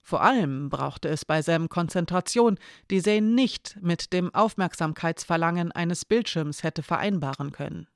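Audiobook narrator, calm, even, mid pitch, dry close sound. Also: a little slow, vocal fry, few pauses, no room sound.

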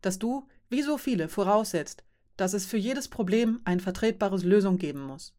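A woman voicing a patient, weary fairy who explains things in a calm, measured way. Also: mid-range voice, close to an everyday voice. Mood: resigned.

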